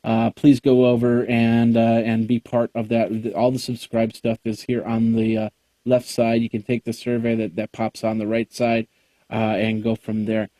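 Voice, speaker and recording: A man's voice: medium pitch, monotone, moderate pace, warm tone, no room sound. A man hosting a tech podcast, wrapping up the show in casual, rambling, jokey chat full of fillers. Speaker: podcast host.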